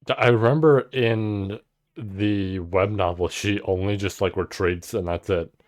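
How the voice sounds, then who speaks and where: A man with a very low voice talks through an anime episode in casual, offhand commentary. He muses aloud and lets a swear word slip when a scene impresses him. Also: a little slow. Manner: musing, swears when excited. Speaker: anime reaction host.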